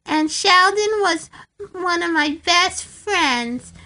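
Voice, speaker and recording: Woman doing a squeaky chatty little dog. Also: animated, slow, pushed and bright, full character voice. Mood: fond. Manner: chatty, wistful, eager. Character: cheerful small male pet dog. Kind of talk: comic pet role-play podcast.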